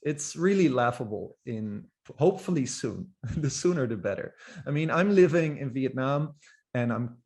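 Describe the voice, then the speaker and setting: A man's voice: mid-range voice, lively intonation, moderate pace, darkish tone. Enthusiastic man giving a talk. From Netherlands. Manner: enthusiastic, informal, occasional restarts. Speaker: guest speaker. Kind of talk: presentation talk.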